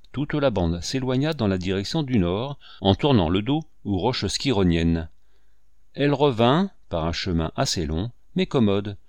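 A man narrating a classic novel in a lively, theatrical audiobook reading. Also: on the low side, no echo, clean studio sound. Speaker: audiobook reader. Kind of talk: expressive literary narration.

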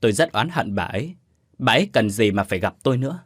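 A man's voice: mid-range voice, lively intonation, fast talker, fairly bright tone, breathy edge, no echo, studio quality. A man voicing an anxious, grieving young son in a storybook ghost tale, pleading in agitated outbursts. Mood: distraught.

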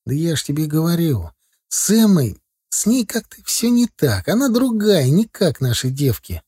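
A man voicing a lovesick young male village driver who pleads and whines excitedly. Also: fairly high pitch, normal speed, breathy edge, dry recording, clean studio sound, pitched above the performer's own voice. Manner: excitable, whiny, insistent.

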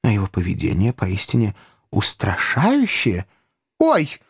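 A man voicing a genial elderly gentleman who gets startled and flustered. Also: a little high, huge pitch swings, moderate pace, husky, dry recording, studio quality, voice pushed up, full character voice. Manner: fussy, flustered exclamations.

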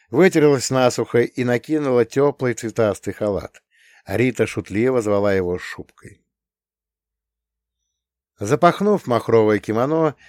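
A man narrating an audiobook with expressive storytelling. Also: mid-range voice, dry recording, studio quality.

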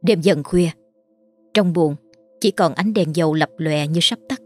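A woman narrating a horror story in a measured, ominous storytelling voice. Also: deep voice, soft background music.

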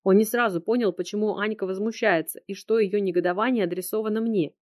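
A woman narrating a first-person novel in an even, measured way. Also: mid-range voice, no echo, clean studio sound. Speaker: audiobook narrator.

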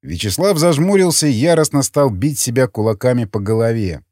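Expressive male audiobook narrator. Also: mid-range voice, a little fast, no room sound, clean studio sound. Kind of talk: scripted narration.

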